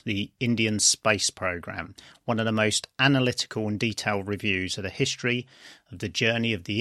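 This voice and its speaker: A male podcast host with a bright, slightly low voice that creaks. His speech whistles through his teeth on the sibilants, and he presents in a scripted yet chatty way, recorded close and dry. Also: no room sound.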